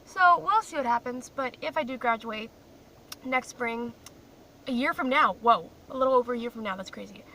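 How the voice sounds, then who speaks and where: A young adult vlogger with a Croatian upbringing speaks at a moderate pace in a fairly high voice that is pushed and bright. She chats and rambles to her phone camera in a parked car, often making fun of herself, and a distant mic catches faint car noise.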